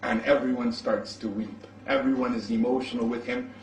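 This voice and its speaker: A man's voice: mid-range voice, little pitch movement, normal speed, a little hiss or hum. A man preaching, who tells a story with energy and acts out its dialogue. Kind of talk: sermon storytelling. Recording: echoey, from far off the mic.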